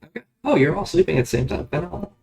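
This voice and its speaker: A man's voice: fairly high pitch, big pitch swings, rapid-fire, gravelly, a little mellow. A man working as game master, narrating a tabletop fantasy game in a casual, conversational way. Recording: roomy, echoing room recording.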